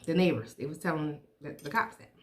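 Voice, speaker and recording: A middle-aged woman chatting casually to viewers while she eats, chewing as she talks and pausing between bites. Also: low-pitched, slight background noise. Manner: chewing while talking, with pauses to eat. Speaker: mukbang vlogger.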